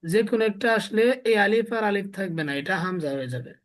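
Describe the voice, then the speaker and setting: A man's voice: sits high, lively intonation, fairly quick, a bit bright. A Bengali-speaking man teaching the Arabic alphabet, drilling syllables over and over and asking his students to repeat after him. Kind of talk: classroom lesson with call-and-response drilling.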